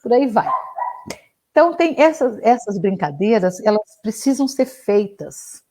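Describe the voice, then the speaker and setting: Older woman, playful and high. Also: sing-song, measured pace, warm tone. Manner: playful, recites riddles and tongue twisters with restarts. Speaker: guest speaker, professor. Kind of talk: live online talk.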